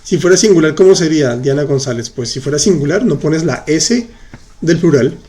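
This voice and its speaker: This French teacher's voice is fairly high, warm and animated as he runs a live online class. He patiently repeats examples, explains slowly and takes viewers' chat questions.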